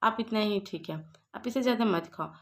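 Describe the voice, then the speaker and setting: A woman voicing a wary young man who speaks softly and politely while secretly testing his guardian. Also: medium pitch, fairly quick, natural voice. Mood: hushed.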